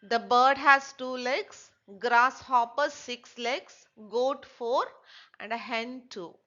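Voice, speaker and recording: A woman, teaching a children's textbook lesson slowly and asking and answering her own questions. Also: a little high, fairly even intonation, pushed and bright, highs cut off.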